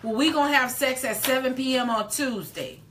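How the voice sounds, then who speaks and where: A woman's voice: high voice, a little fast, crowd noise. A woman in her late forties hosting a casual live chat, emphatic and folksy, repeating words for stress. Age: 40s. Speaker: host.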